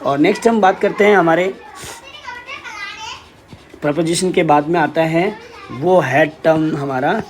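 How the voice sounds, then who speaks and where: A man's voice: on the high side, a little hiss or hum. A man teaching an English grammar lesson in Hindi, explaining step by step and often checking with "ठीक है".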